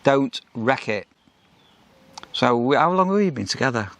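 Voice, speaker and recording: A man's voice: mid-range voice, expressive, unhurried, fairly bright tone. A middle-aged man co-hosting a vlog in casual chat, rambling and restarting with lots of ums. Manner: rambling, repeats himself, many ums and restarts. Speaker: vlog co-host.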